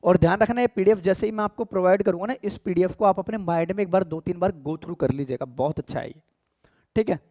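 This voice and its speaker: In a casual Hindi-English lesson, an Indian-accented man with a high-pitched, warm voice teaches English grammar, calling students beta and pyare bachche and often asking "theek hai?" to check they follow. He slows to read each English example aloud, and the recording is dry and close without room echo.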